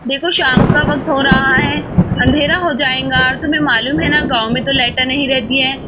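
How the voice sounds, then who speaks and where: A woman's voice: high voice, steady tone, a little fast, over loud music, natural voice. A woman voicing a caring young village mother in a doll story. She talks in coaxing, motherly chatter.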